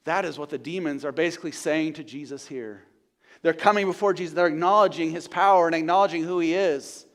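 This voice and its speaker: High-voiced man preaching a sermon. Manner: builds to loud repeated declarations, then drops to a hushed, slow delivery. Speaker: pastor. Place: church sanctuary.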